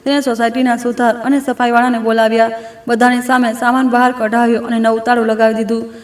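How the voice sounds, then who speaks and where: Woman narrating a family story, flat tone. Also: fairly high pitch. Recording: echoey room.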